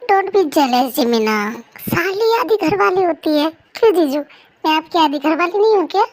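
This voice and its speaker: A woman's voice: extremely high pitch, animated, moderate pace. A teasing, playful young friend, as a woman puts her on. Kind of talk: fan story role-play.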